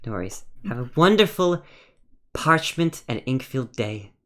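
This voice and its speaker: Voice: medium pitch, sing-song, moderate pace, a bit bright. A game master voicing a polite, eager shopkeeper who loves selling parchment and ink in a tabletop game. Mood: cheerful, obliging.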